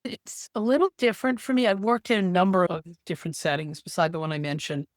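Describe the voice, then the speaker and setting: A woman's voice: on the low side, fairly even intonation, quick pace, no room sound, studio quality. A woman in her sixties, a therapist and guest, telling stories in a casual, emphatic interview conversation. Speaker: podcast guest, social worker and therapist.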